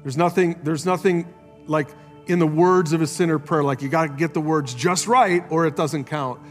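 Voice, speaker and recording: An earnest man preaching a sermon, his fairly high voice lifting for emphasis and sinking soft and low. The live recording carries a long church-hall reverb, with faint music underneath. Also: normal speed. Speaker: pastor.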